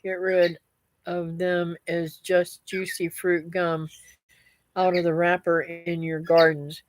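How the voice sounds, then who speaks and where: The audio is poor on this clip of a middle-aged woman, a homestead vlogger, chatting and rambling as she reads live comments to her "guys" and "y'all." Her voice is lowish, flat, slow, and a little stuffy and nasal.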